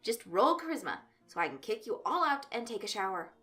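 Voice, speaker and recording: A woman's voice: on the high side, big pitch swings, fairly quick, fairly bright tone, faint music behind. A woman reading a fanfic aloud, voicing an exasperated teenage boy running a tabletop game.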